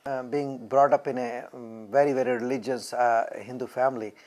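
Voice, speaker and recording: A man with an Indian English accent speaks in a documentary interview. He explains things carefully, pausing often on fillers. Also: medium pitch, fairly even intonation, a little mellow. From New Delhi, India. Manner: measured explanation with frequent fillers. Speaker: temple member.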